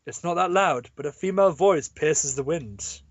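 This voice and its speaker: A man's voice: a little high, normal speed, no echo. A man reading a visual novel aloud with a friend, breaking off into jokes and frequent laughter. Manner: laughs often, joking asides. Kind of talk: casual read-along with banter.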